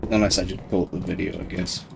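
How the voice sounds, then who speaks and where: A man's voice: low voice, little pitch movement, fast, creaky, music in the background. A man streaming a game alone, rambling in casual commentary and laughing at himself often. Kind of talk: casual solo gameplay commentary.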